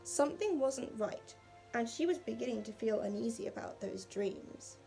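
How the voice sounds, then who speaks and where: A young woman reads her own story aloud, then chats about it in a candid, self-deprecating way. Her voice sits a little high with plenty of gravelly fry. Faint music plays behind her. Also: animated, normal speed, warm tone, rough recording. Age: 20s. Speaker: video creator reading her old fan fiction. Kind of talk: reading aloud and casual commentary.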